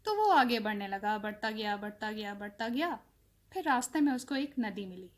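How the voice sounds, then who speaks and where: A woman narrating a children's story slowly, repeating phrases and acting out sounds. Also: mid-range voice, lively intonation. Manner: slow and repetitive, acts out sounds.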